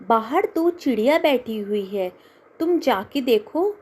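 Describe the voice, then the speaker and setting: A woman's voice: a little high, lively intonation, takes it slowly, darkish tone, breathy edge, voice pushed down, heavily acted. A woman voicing a caring elderly grandmother in a cartoon story, speaking tenderly and consolingly.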